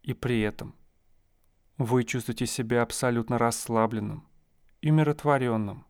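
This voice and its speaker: Smooth, calm male hypnotist voice. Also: medium pitch, no echo, studio quality. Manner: slow, soothing, suggestive phrasing. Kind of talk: guided hypnosis session.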